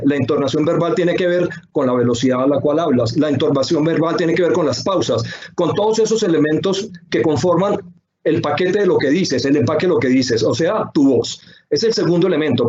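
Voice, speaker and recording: A man's voice: a little high, darkish tone, dull audio, a little hiss or hum. A man giving a sales webinar, speaking, stacking emphatic lists and rhetorical questions. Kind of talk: webinar presentation. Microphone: computer microphone on a video call.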